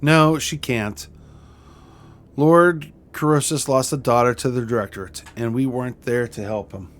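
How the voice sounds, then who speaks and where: A man's voice: medium pitch, steady tone, unhurried, a bit bright, natural voice. Man voicing a stern, righteous exiled queen. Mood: resolute.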